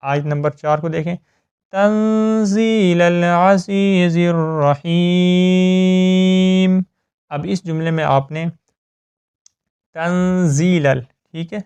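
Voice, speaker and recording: Male tajweed tutor, clear resonant voice, slightly high, methodical and patient. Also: a little mellow. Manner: patient, explains step by step, checks with "ok?". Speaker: Quran recitation teacher. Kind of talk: tajweed lesson with slow recitation.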